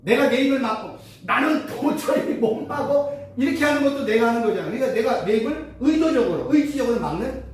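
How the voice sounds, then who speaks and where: 울리는 강의실의 높은 톤 여자 교수. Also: female voice, on the high side, animated, fast, few pauses, darkish tone, a little hiss or hum. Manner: emphatic, repetitive, rhetorical questions. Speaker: theology professor. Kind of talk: sermon-like Bible lecture. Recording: echoey room, far from mic.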